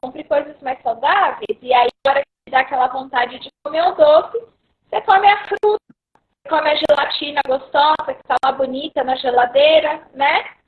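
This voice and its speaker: High-voiced woman on a tinny video call that keeps cutting out, chatty tips. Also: lively intonation, moderate pace. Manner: conversational, explains with everyday examples. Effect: choppy, cutting-out online call audio. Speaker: co-host giving tips. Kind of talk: casual live-stream advice talk.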